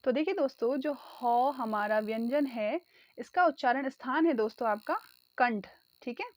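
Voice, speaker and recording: A woman's voice: high-pitched, moderate pace, no echo. A woman teaching an online exam-prep lesson, calling her viewers friends and repeating the key answers.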